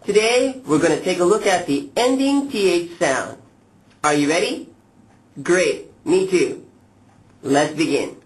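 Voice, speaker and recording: A man presenting a pronunciation lesson to learners, modeling speech slowly and with exaggerated, deliberate clarity. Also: high voice, animated. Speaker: pronunciation teacher, lesson host. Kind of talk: instructional lesson to camera, addressing learners.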